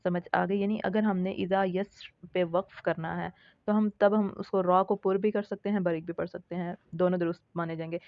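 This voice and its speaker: A woman's voice: fairly low pitch, fairly even intonation, no echo, lo-fi sound. Patient woman teaching Quran recitation rules. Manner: patient, repeats points and checks in with "theek hai"; slows down to sound out example words carefully. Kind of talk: explaining rules of a tajweed lesson.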